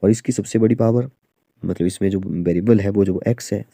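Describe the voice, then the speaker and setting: Low dark-voiced male maths tutor. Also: creaky, no echo, studio quality. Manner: explains slowly with many fillers and "theek hai". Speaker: maths teacher. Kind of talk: online exam-prep lesson.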